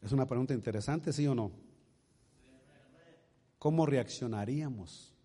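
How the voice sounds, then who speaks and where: A male pastor preaching a sermon, swinging from quiet asides to loud exclamations and asking his congregation rhetorical questions. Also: mid-range voice, moderate pace. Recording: long reverb of a large hall.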